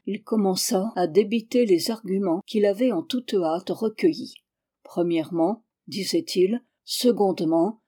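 A woman reading a history book aloud as an audiobook in a steady, measured way. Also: mid-range voice, breathy edge. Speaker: audiobook reader. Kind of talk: scripted narration of a history book.

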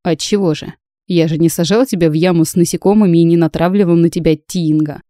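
A woman voicing a teasing, mysterious male mage in an audiobook, speaking low and soft with calm amusement. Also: quick pace, no echo, clean studio sound, lightly acted.

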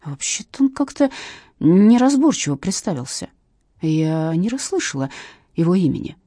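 A woman's voice: lowish voice, big pitch swings, normal speed, mellow, dry recording, clean studio sound. A woman voicing an eager, chatty young woman backing up her friend.

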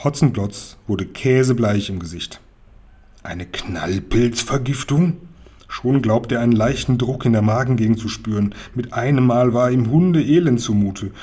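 A man reading a children's book aloud as narrator, in a lively storytelling manner. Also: mid-range voice, unhurried, husky.

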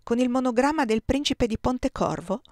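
A woman reading the lines of a young, affectionate princess in an audiobook, in a lively, eager voice. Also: on the high side, normal speed, no echo, studio quality, voice pushed up, natural voice. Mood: animated.

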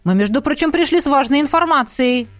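A man's voice: very high voice, fairly quick, a bit bright, no echo, soft background music. A woman reading an audiobook, voicing a cheeky young male elf thief who squabbles indignantly. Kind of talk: audiobook character voice.

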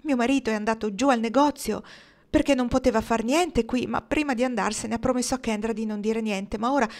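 A woman's voice: on the high side, a little fast, a little mellow, close to an everyday voice. A woman reading the lines of an anxious, tearful, plump older woman who speaks in a trembling, urgent, confiding way.

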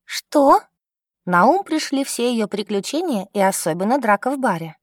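A woman reading a romance novel aloud, telling the story in an even, gentle manner. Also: medium pitch, a little fast, no echo, clean studio sound. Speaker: audiobook narrator. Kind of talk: scripted romance narration.

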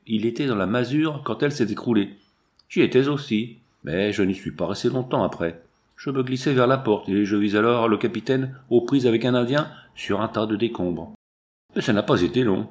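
A man voicing a jovial old male mountain trapper with a gruff, folksy, cackling manner. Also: lowish voice, a little mellow, lightly acted.

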